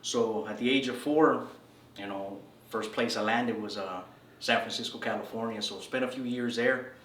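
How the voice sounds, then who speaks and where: Speaking at a normal speed with a lowish, slightly bright voice, a thirties-aged man from El Salvador recounts his life in a laid-back, slangy interview, leaning heavily on "bro." The recording picks him up from a distance in an echoey room, with slight background noise.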